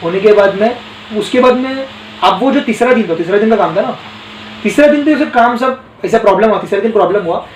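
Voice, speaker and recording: A man's voice: high voice, animated, fairly quick, recorded from a distance. Man, teacher, casual storytelling, repetitive, asides to the class, roomy echo, faint background noise. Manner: rambling and repetitive, with asides to listeners. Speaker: teacher telling a story to students.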